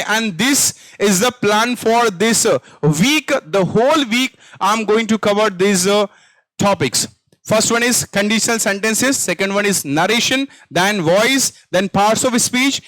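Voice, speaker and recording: A man's voice: high-pitched, a bit bright, no echo. A man with an Indian accent teaching English vocabulary for exams, chatty and repeating questions to his students. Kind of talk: online exam-prep lesson.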